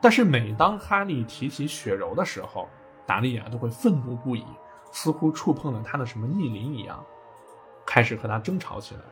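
A man's voice: mid-range voice, big pitch swings, a little fast, fairly bright tone, soft background music. A man casually retelling a video game story for a podcast, with jokey asides.

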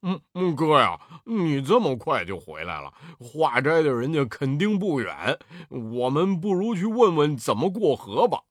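A man's voice: on the high side, very animated, a little slow, few pauses, no room sound, studio quality. A man voicing a boastful, clumsy male pig-demon disciple in a storybook, with grunting hesitations. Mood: wheedling. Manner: grunting "嗯" hesitations, whiny big-brother pleading. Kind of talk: storybook character voice.

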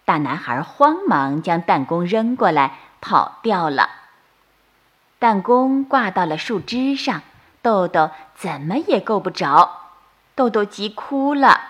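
A woman storyteller narrating a bedtime story for children in a slow, soothing manner. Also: medium pitch, big pitch swings. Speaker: storyteller host.

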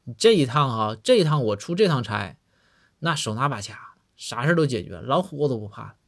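A man's voice: mid-range voice, very animated, brisk. A man voicing an eager, timid young constable, anxious and naive.

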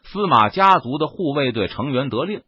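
A man's voice: mid-range voice, animated, normal speed, slightly rough, no room sound. A man doing dramatic web novel audiobook narration, in a dull, dry recording.

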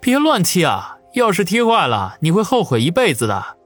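A man's voice: high-pitched, wildly swooping pitch, moderate pace, faint music behind, voice pushed up, full character voice. A man voicing a cocky, playful young man in a story reading, breezy and joking. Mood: teasing. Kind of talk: audiobook character voice.

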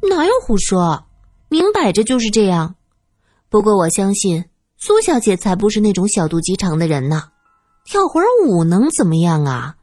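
Spoiled, bullying young woman, voiced by a woman, high and shrill, husky edge, wheedling and sneering in turns. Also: very animated, a little slow, no echo, studio quality, faint music behind, heavily acted. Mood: wheedling, teasing.

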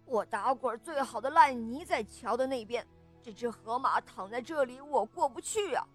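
A woman's voice: fairly high pitch, expressive, moderate pace, faint music behind. A woman voicing a grumpy, bristly wild boar in a children's story. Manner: grumbling, huffy. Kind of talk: storybook reading.

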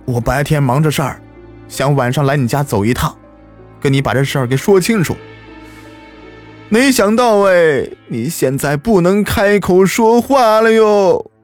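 Storybook villain: a man doing a shifty middle-aged fur trader, pitched somewhat high, wheedling and hot-tempered. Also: animated, faint music behind. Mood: fake wailing. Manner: wheedling, denying, quick to anger.

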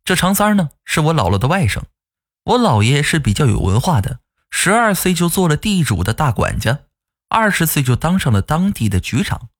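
A man's voice: fairly high pitch, sing-song, fairly quick, slightly rough. A man narrating a spooky folk tale in a chatty, folksy way, with asides to the listener. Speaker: storyteller.

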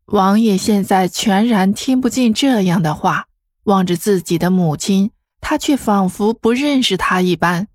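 A woman narrating a fan audio drama in an even storytelling manner. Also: medium pitch, a little slow, no room sound. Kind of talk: scripted narration.

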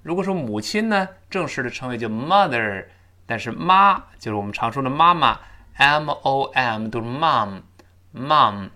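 A man teaching an English lesson, drilling pronunciation with slow, emphatic repetitions. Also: mid-range voice, lively intonation, bright, forceful tone.

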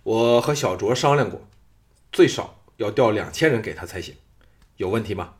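A cheerful older clan patriarch, as a male narrator puts him on, hearty and commanding. The voice is low and fairly loud. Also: expressive, moderate pace, close to an everyday voice. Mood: pleased.

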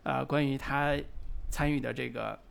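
A middle-aged man in his forties, co-hosting a podcast and talking slowly and reflectively about a film, with frequent hesitant fillers. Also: mid-range voice, steady tone, vocal fry. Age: 40s. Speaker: podcast co-host. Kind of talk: casual film discussion.

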